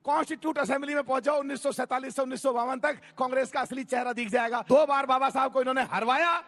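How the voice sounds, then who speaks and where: A man arguing forcefully on a TV debate panel, talking over others with repeated phrases. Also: very high-pitched, fairly even intonation, fast talker, creaky, in a large hall. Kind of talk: heated TV debate argument.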